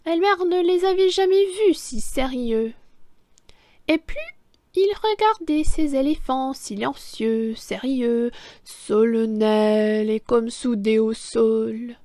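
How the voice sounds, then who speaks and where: Reading a children's story, a high-voiced French teacher takes her time, telling it in a deliberate, theatrical way that emphasizes key words. It's an expressive picture-book read-aloud, with a mellow sound and no echo.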